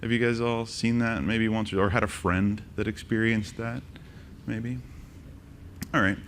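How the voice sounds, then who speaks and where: A man presenting a conference workshop, joking and quizzing the audience with quick questions. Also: fairly low pitch, fairly even intonation, fairly bright tone, a little hiss or hum. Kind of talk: interactive conference talk. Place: conference session room.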